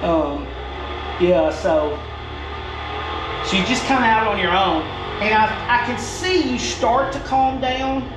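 A middle-aged racing coach with a high voice reviews race footage with a driver at a desk indoors, a laptop in front of him. He explains patiently in a stop-start way, speaking slowly with long pauses. The room echoes noticeably, and music plays underneath.

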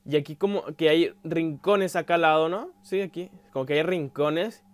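A young man giving let's-play commentary, rambling aloud with many fillers and bursting into loud yelps whenever something startles him. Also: fairly high pitch, normal speed. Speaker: gameplay commentator.

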